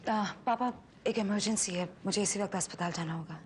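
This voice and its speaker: An actress playing a dedicated young doctor who mixes Hindi and English, speaking firmly and reassuringly. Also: female voice, medium pitch, brisk, a little hiss or hum, lightly acted. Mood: earnest. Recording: TV drama with loud score.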